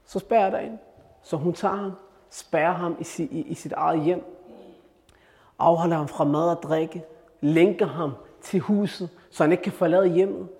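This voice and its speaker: Male preacher telling a story in an echoing hall. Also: fairly high pitch. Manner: animated, addresses listeners with questions. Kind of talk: religious storytelling talk. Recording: reverberant hall.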